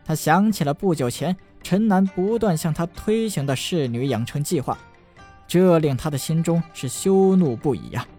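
A man's voice: a little high, animated, mellow. Male storyteller narrating a fantasy novel. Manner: storytelling, drawn-out sentence-final particles. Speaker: audiobook narrator. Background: faint background music.

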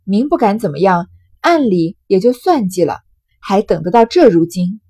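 A woman reading aloud and voicing a greedy, scheming older sorceress-nun who feigns reluctance and haggles, in a husky voice. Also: mid-range voice, sing-song, normal speed, mellow. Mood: sly. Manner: coy, feigning reluctance, then bargaining.

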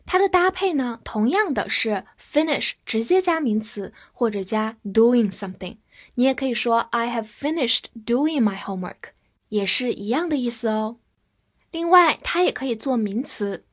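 A woman's voice: a little high, lively intonation. A woman teaching English vocabulary, spelling each word letter by letter and repeating example sentences for learners. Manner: spells words out letter by letter, slow drilled repetition. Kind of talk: spoken vocabulary lesson.

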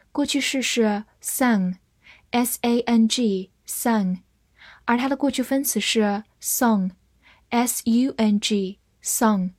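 A woman teaching English vocabulary, spelling each word letter by letter and reading example sentences slowly. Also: fairly high pitch, a little mellow, no echo, clean studio sound. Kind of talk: slow, careful vocabulary lesson.

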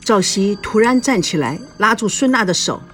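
A woman narrates a story expressively, her pitch moving in wide, lively arcs. She reads the narration steadily between the characters' lines. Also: normal speed, faint music behind.

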